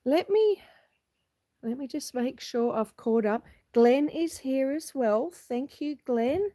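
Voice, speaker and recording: A middle-aged Australian woman with a cold sounds husky and hoarse as she casually greets viewers on a live stream from her homestead, filmed outdoors with her phone camera. Her high voice is animated yet slow, with a dark tone.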